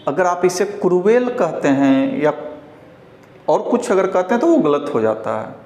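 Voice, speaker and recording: A man with a Bihari Hindi accent teaching English pronunciation, explaining slowly and repeating each word for learners. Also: high voice, big pitch swings, darkish tone. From India. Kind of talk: pronunciation lesson. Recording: echoey room.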